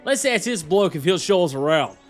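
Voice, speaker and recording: Guy doing aussie nature doc host, adventurous and matey, higher voice, bit of music under. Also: animated, a little fast. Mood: chummy, curious. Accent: Australian. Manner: chummy, colloquial, enthusiastic. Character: cheerful, adventurous Australian male wildlife presenter. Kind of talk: nature documentary presenting, parody.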